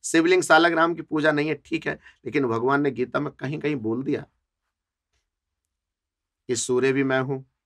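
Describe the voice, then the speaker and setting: A man's voice: on the high side, flat delivery, moderate pace, pauses often, a bit bright. A middle-aged man in a religious discussion, earnestly reasoning and quoting scripture. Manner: earnest, reasoning, quotes Sanskrit verses. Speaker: panelist at a saints' conference.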